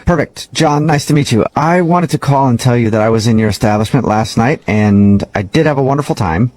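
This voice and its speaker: A man making a prank phone call, earnest and completely deadpan. He talks quickly in a dry, close-up sound. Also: medium pitch, no room sound. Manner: earnest, matter-of-fact deadpan. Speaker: prank caller.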